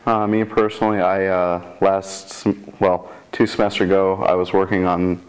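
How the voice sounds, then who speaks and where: A man's voice: low-pitched, flat delivery, moderate pace. A man in his twenties speaking informally as a student developer in an interview, often rephrasing himself mid-sentence. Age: 20s. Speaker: computer science student developer. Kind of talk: informal interview about a project.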